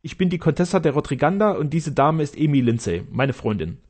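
A gracious young countess, as a male reader puts her on, speaking with poised formality. Her lines sit noticeably higher than the narration, carried with a lightly lifted, courteous tone from an audiobook. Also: big pitch swings, a little fast, darkish tone. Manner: polite, formal.

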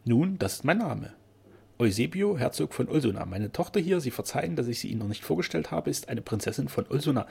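Man voicing an older duke, proud, cheerful, effusive, gravelly, husky. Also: mid-range voice, animated, quick pace, darkish tone, pitched above the performer's own voice, full character voice. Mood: joyful.

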